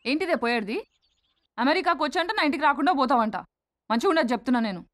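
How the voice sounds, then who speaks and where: An actress playing a bossy young woman friend who scolds with quick threats. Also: sits high, expressive, dry recording, studio quality. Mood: scolding. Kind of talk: film drama dialogue.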